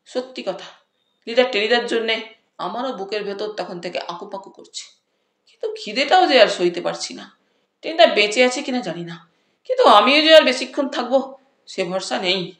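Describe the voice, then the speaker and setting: A woman narrating a comic audiobook story in the first person, with a lively storytelling manner. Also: mid-range voice, normal speed, long pauses. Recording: roomy echo.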